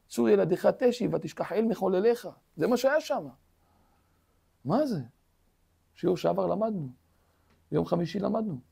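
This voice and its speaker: With a high, slightly mellow and husky voice touched by vocal fry, the rabbi leads his weekly Torah class in the study hall. He addresses the audience straight on, poses rhetorical questions, and performs quoted lines.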